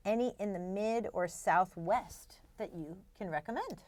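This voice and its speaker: A woman's voice: mid-range voice, a little slow, a little mellow, no room sound. A woman co-hosting a chat podcast. She talks casually and chattily, filling her lines with fillers. Her voice sounds dry and close to the mic. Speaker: podcast co-host.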